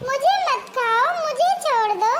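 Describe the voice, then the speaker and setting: A woman's voice: very high voice, a little slow, fairly bright tone, a little hiss or hum. A woman voicing a tiny, frightened young male mouse who begs and whimpers in a storybook tale. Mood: tearful pleading. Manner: whimpering, begging, tearful.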